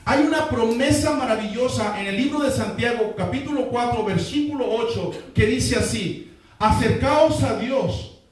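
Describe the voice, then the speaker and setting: A male pastor with a very high-pitched voice preaches a sermon, driving his points home by repeating them and calling for responses from the congregation. His voice comes from well away from the microphone and rings through a strongly echoing church hall. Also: moderate pace. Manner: repeats key lines and calls for congregation responses. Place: church sanctuary. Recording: echoey hall, voice from far off the mic.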